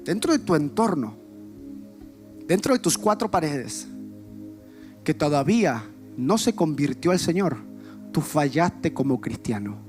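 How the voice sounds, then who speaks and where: A man's voice: a little high, lively intonation, unhurried, pauses often, darkish tone. A man preaching a sermon in a passionate, direct way, speaking straight to the listener. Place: church. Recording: with background music. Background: music.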